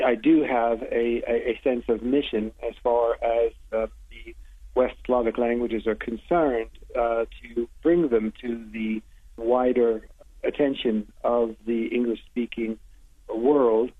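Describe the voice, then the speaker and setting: A man answering radio interview questions as a literary translator, halting with many hesitations and restarts. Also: mid-range voice, steady tone, husky, no room sound. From United States. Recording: tinny phone line, dry.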